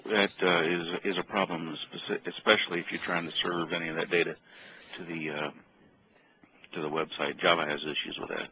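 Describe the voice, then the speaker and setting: A man's voice: sits low, little pitch movement, brisk, pushed and bright. A man calling in over a phone line, speaking hesitantly with many ums and restarts. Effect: heard over a phone line. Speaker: participant on a training call. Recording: muffled phone line with faint noise.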